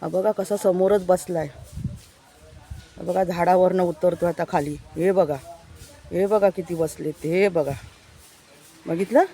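A woman's voice: on the low side, fairly even intonation, slow pace, long pauses, dark tone. A woman, chatting on a casual walking-tour vlog around her village house and yard outdoors, pointing things out to viewers as she goes. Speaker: village vlogger.

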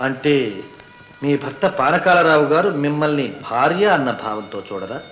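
An actor playing a sharp, insistent lawyer cross-examining witnesses in an old film. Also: male voice, a little high, lively intonation, normal speed, faint music behind. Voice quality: probing, insistent. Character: sharp probing male defence lawyer. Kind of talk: 1970s Telugu film acting. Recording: echoey old film soundtrack.

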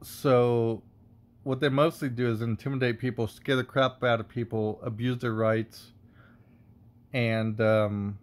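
Speaking at a measured pace with a level, medium-pitched voice, a male vlogger who reviews wine delivers a loose, heated rant to camera. He wanders off topic and peppers his talk with fillers and curse words.

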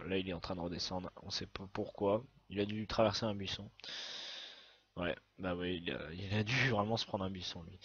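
A man giving a chatty, excitable let's-play commentary on a browser game, swearing often as he plays. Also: sits low, slightly rough, lo-fi sound. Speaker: gaming video host.

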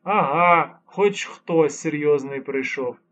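A man's voice: a little high, slow, fairly bright tone. A man voicing a stubborn, lisping ninety-year-old man who is secretly a skilled swordsman, in an audiobook. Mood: lecturing, teasing. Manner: mocking, patiently lecturing. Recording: dull lo-fi recording.

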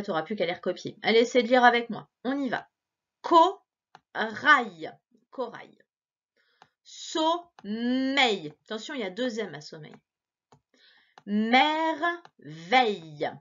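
Female teacher, playful and encouraging with a child; animated, slightly high voice, muffled lo-fi recording. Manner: encouraging, playful, slow syllable-by-syllable reading. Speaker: primary school teacher. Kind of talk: remote reading lesson for a child.

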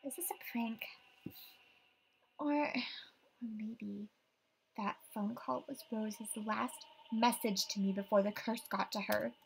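In a horror visual novel, a woman voices a frightened, superstitious young estate agent, her delivery dramatic and tremulous with breathy asides and sudden outbursts. Her pitch is on the high side and her tone steady, and she speaks slowly with frequent pauses. The mood is uneasy and hushed, and the low-quality recording carries slight background noise.

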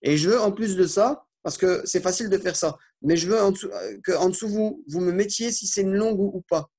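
Patient male Arabic teacher, fairly high voice. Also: a little mellow. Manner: patient, repeats himself, slows down to spell out Arabic words. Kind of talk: classroom lesson explaining exercises.

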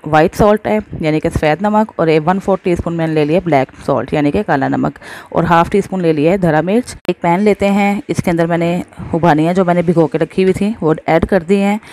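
A cooking channel host walks viewers through a recipe step by step in a voice-over, friendly and patient, often addressing them directly and mixing in English words. Her voice is on the low side and a little mellow, and she talks fairly quickly. Slight background noise is present.

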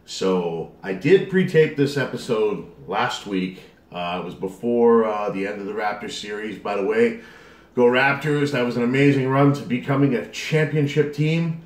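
A man's voice: mid-range voice, moderate pace. A man in his thirties chatting casually to camera as a vlog host. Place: dining room at home. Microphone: camera across the table. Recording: echoey home room.

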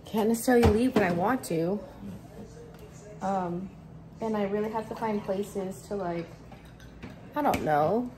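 A woman's voice: mid-range voice, noisy background. A woman in her late twenties talking casually and bluntly to her phone camera while she cooks in her kitchen, swearing freely. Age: late 20s. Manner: blunt, profane, chatty. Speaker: vlogger. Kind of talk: casual vlog chat. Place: small apartment kitchen, indoors.

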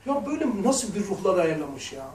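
A man's voice: high voice, sing-song, fairly quick, darkish tone, a little hiss or hum. A man giving a religious lesson, telling stories in a casual, colloquial way with blunt slang asides. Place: lesson room. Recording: roomy echo, mic far off.

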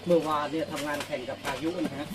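Packing fan orders outside a coffee shop, this man narrates a casual live vlog and adds polite particles to each phrase. He talks quickly in a voice on the high side, with a flat delivery.

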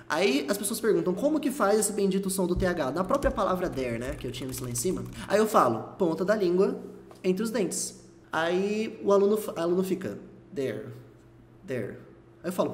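A man from Brazil giving a casual video lesson on English pronunciation, lively and repeating example words slowly to demonstrate. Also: high voice, slight background noise. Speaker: English teacher.

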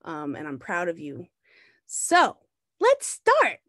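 A woman's voice: fairly low pitch, wildly swooping pitch, takes it slowly, fairly bright tone, no room sound, clean studio sound. A woman in her thirties, raised in the Bahamas, gives an easygoing slide talk over a video call, with many ums and restarts. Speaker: visiting artist giving a talk. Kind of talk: presenting slides in a lecture.

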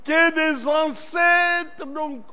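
At a Sunday church service, a male Central Congolese preacher reads scripture in a very high-pitched, sharp, steady voice at a very slow pace. He emphasizes words with swelling intensity and call-and-response amens that climb.

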